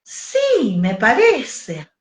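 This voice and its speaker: A woman voicing a newborn baby bird that is searching for its mother, in a high, childlike, eager voice. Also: huge pitch swings, very slow, exaggerated voice. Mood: meek. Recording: echoey room.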